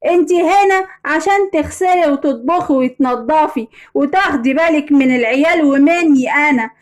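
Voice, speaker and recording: A cold, bullying Egyptian husband, put on by a woman storyteller who drawls his insults slowly and heavily. He sneers and belittles his wife at every turn. The voice keeps a high pitch beneath its hard, contemptuous edge. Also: natural voice. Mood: angry. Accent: Egyptian Arabic. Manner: contemptuous, bullying, slow and heavy. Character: harsh domineering husband, adult man, scornful.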